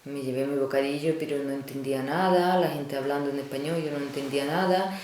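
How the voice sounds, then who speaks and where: A woman's voice: rumbling low, a little fast, a little mellow, slight background noise. Woman, 40s, from Ukraine, non-native speaker, hesitant with fillers, very echoey recording. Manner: hesitant, with frequent fillers and restarts. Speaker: interviewee. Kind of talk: personal storytelling. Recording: very echoey room.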